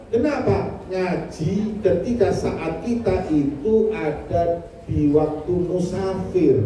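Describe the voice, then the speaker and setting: A man's voice: sits high, dark tone. A male preacher who tells a story during a sermon, joking with the congregation. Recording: echoey hall, voice from far off.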